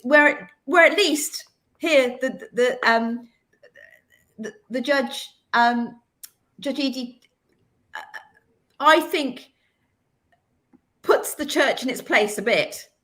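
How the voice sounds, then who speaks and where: A woman hosting a panel discussion, talking in an animated, emphatic way with many restarts. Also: sits high, takes it slowly, long pauses. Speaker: host.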